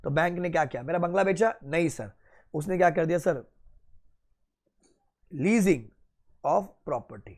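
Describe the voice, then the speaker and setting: A man lectures a class in a playful, quizzing way. He keeps asking questions and answers them himself, switching between Hindi and English. His voice sits high for a man. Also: animated, a little slow, pauses often, darkish tone. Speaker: teacher.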